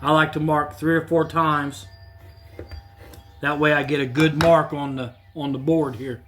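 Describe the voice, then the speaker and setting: A man's voice: on the high side, unhurried, soft background music. A man hosting a woodworking channel, casually demonstrating in his home shop in a plainspoken, repetitive way. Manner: plainspoken, repeats himself, relaxed restarts.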